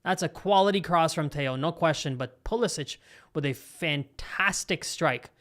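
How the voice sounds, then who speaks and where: Excitable young man streaming a football match. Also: fairly high pitch, a little slow. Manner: excitable, talks to live chat between play calls. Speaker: live football stream host. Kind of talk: live match reaction commentary.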